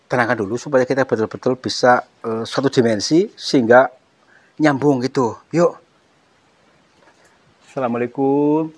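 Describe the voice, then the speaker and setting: A man on a cave exploration vlog, talking in a hushed, nervous way and muttering prayers. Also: medium pitch, moderate pace, long pauses.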